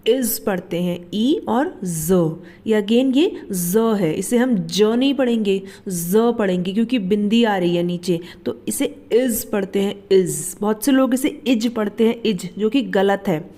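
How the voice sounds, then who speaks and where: A woman's voice: mid-range voice, expressive, takes it slowly, hardly any pauses, mellow. A woman teaching basic English words, spelling each one out, repeating it and asking the listener to say it back. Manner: patient, repeats each word and asks the class back. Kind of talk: slow spelled-out vocabulary lesson.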